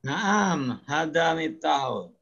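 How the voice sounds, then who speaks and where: Male student, slow careful answers, bright voice. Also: fairly high pitch, animated, gravelly, muffled recording. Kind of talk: answering the teacher in an online class.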